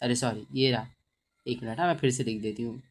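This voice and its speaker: A woman's voice: a bass voice, a little fast. Patient woman teacher sounding out words. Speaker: Urdu teacher. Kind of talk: explaining a textbook lesson.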